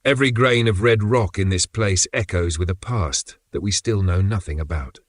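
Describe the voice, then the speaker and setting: A man's voice: sits low, moderate pace, no echo. Emera, a feeble but resolute explorer, as a man reads her. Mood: weary earnest. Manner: feeble, earnest delivery. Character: weary, determined female desert explorer leader.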